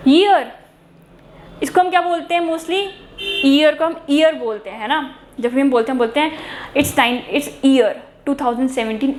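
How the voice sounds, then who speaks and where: A woman teaching an exam-prep grammar lesson, asking her students questions and answering them herself, switching between Hindi and English phrases. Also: high voice. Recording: echoey room with faint noise.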